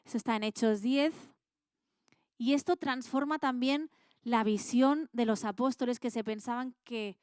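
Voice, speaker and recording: A woman with a Spanish accent from Spain leads a Bible class in a relaxed, colloquial style, quizzing her students with questions. Her voice is a little high and smooth, and the studio-quality recording is dry.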